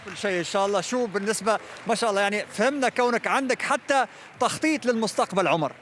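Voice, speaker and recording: Man, high voice, quick delivery, formal live sports interviewing, congratulatory. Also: fairly bright tone, slight background noise.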